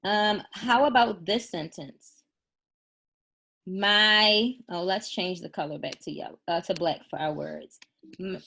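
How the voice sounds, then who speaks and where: A woman's voice: medium pitch, fairly bright tone, husky. Patient first grade teacher, woman. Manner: slow, deliberate dictation of sample sentences; encouraging, patient teacher talk. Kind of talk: recorded remote lesson.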